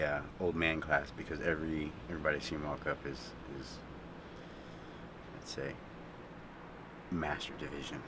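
A man's voice: very deep voice, background noise. A man in his thirties filming his own casual vlog with a handheld camera at arm's length, rambling with lots of ums. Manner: rambling, relaxed, many ums. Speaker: vlogger. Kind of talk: casual self-filmed vlog. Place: hotel room and parked car. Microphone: handheld action camera at arm's length.

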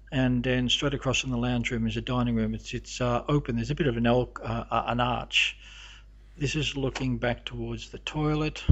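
A man walking through his home with a camera, narrating the rooms in a halting, casual way full of fillers and restarts. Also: mid-range voice, lo-fi sound. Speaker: homeowner giving a house tour. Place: inside a house, walking room to room.

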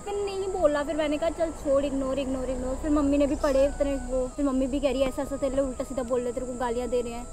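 A woman's voice: high voice, fairly even intonation, fast talker, hardly any pauses, a crowd in the background. A young woman talking earnestly and pleadingly in a casual conversation outdoors. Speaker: vlog guest.

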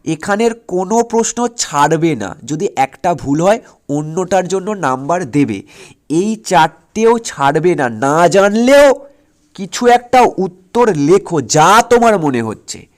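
Speaking unhurriedly in a high-pitched voice with big pitch swings, this man from West Bengal, India tutors school students for exams. He is emphatic and directive, going over his instructions again and making sure the students keep up.

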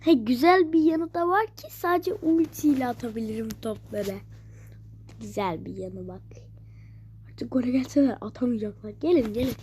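A woman streamer giving excited live commentary on her own gameplay, jumping between loud outbursts and quick whispers. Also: a little high, slight background noise. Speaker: gaming streamer.

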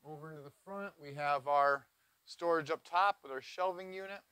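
Walking inside and around a cargo trailer on an outdoor lot, a man in his forties enthusiastically points out features of a camping trailer as a reviewer. Captured on a lapel mic, his slightly high voice is bright, forceful and smooth at a moderate pace, with no echo.

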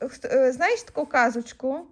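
A young mother giving her small child a patient reading lesson at home, sounding out syllables slowly. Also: high-pitched, lively intonation.

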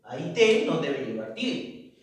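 Slow, echoey male teacher. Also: on the high side, sing-song. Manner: rhetorical questions, answers himself. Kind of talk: grammar lesson. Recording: echoey room, far from mic.

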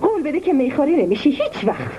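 A woman's voice: sits high, very animated, warm tone. A woman dubbing an anxious, domineering mother in an old film drama. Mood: pleading. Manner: pleading, then nagging. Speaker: dubbing actress. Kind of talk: dubbed 1950s film drama. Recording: dull old dub, faint hiss.

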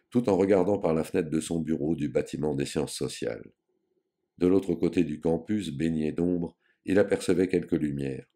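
A man narrating an audiobook in a steady, measured storytelling manner. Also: sits low.

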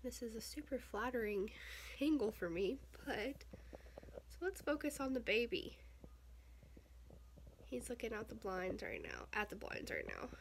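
A woman's voice: fairly high pitch, slight background noise. A stuffy-nosed young woman chatting casually in a home vlog from her bedroom, rambling with lots of ums and likes. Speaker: mom vlogger.

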